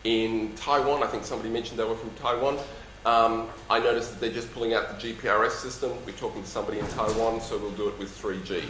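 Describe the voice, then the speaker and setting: In a Q&A session, a lisping company executive presents and takes questions from the audience, coming across as jovial, emphatic and dryly witty. His voice is lowish, steady and a bit bright, and he speaks fast with few pauses. The sound is roomy and echoey, with faint noise behind.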